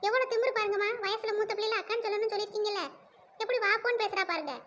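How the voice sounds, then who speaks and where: A woman's voice: very high-pitched, racing, a bit bright, highs cut off. A woman voicing a haughty, quarrelsome teenage older sister in a cartoon. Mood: bickering. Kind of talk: cartoon voice acting.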